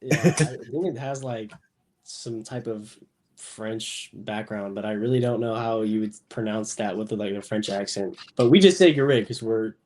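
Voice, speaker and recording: A man's voice: on the low side, moderate pace, a little mellow. A young man from the United States, a podcast guest who jokes, laughs easily and uses slang. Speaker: podcast guest, dodgeball player. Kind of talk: casual chat.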